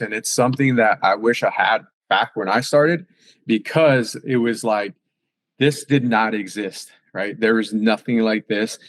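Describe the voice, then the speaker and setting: A fitness and nutrition coach chats on a casual podcast in a medium-pitched voice with no echo. He speaks casually and emphatically, loaded with fillers and "right?" tag questions.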